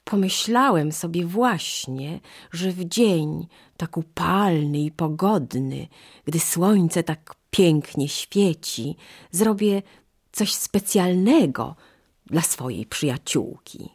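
A woman voicing a sly, scheming male crocodile who talks slowly and smugly. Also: on the low side, lively intonation, slightly rough, full character voice. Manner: slow, drawn-out, smug.

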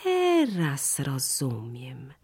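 A woman voicing a clever, cautious female monkey in a high, excitable voice. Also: drawn-out words, husky, full character voice. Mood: cunning.

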